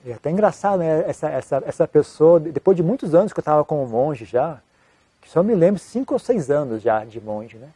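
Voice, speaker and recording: A man, a monk answering an interview question in a casual, halting way with many restarts. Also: on the high side, expressive, dark tone, breathy edge, no room sound. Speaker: Buddhist monk giving advice.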